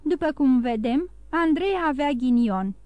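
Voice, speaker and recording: A woman narrating a classic novel as an audiobook in a steady storytelling reading. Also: sits high, no echo. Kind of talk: scripted narration.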